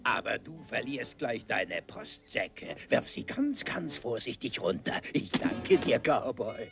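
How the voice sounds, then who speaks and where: A man's voice: medium pitch, very animated, slow pace, vocal fry, fairly bright tone, full character voice. A man voicing a short-tempered, sneering outlaw gang leader with barking threats in a dubbed cartoon. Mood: gloating, menacing. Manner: gloating, barking, mock-sweet threats. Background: music.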